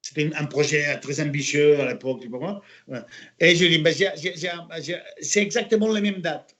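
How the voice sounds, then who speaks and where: A man who is an actor and interview guest, telling anecdotes in a lively way, with many restarts and bits of English mixed in. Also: a little high, normal speed. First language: Catalan. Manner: animated storyteller, many restarts, mixes in English phrases.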